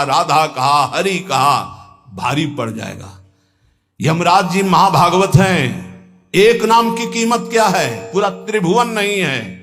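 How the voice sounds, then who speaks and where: Slow-speaking male preacher over faint music. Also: sits high, a bit bright. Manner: slow, chants Sanskrit verses in a sung tone. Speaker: spiritual preacher.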